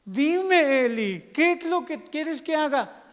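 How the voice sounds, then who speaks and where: A man voicing the boy Samuel, eager and quick to answer, in a church hall. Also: very high-pitched, animated, pitched above the performer's own voice, heavily acted.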